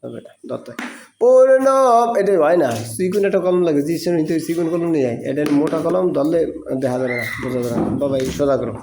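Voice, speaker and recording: A man's voice: fairly high pitch, quick pace, background noise. A man teaching a child to read, chanting call-and-response drills in a coaxing, teasing way. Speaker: madrasa teacher. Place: classroom.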